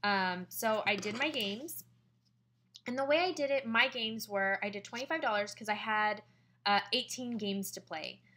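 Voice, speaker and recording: A young woman chatting to camera about a party she hosted, excitable and full of fillers. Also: medium pitch, moderate pace. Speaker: direct sales consultant sharing party tips. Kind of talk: casual vlog monologue.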